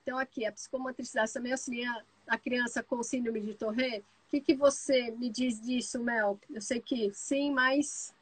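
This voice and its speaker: Brazilian woman, high voice, dry close sound, chatty live host, lively storyteller. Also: husky, dry recording, rough recording. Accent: Brazilian Portuguese. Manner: lively storyteller, talks fast with many asides. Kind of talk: casual live chat.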